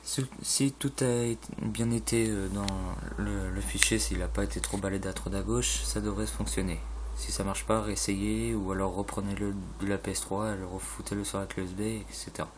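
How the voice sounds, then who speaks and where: Low monotone guy mumbling thru a pc tutorial on his phone, lots of uhs, faint background hum. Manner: halting, many fillers and restarts, loose slang. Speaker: gaming tutorial maker. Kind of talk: casual screen tutorial. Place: indoors at a home computer. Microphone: phone filming a screen. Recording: phone recording with faint room noise.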